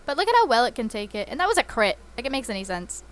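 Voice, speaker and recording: A woman's voice: on the high side, big pitch swings, very fast. A woman playing a video game and chatting casually as she plays, giggling often. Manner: chatty and giggly, lots of fillers. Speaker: let's play host.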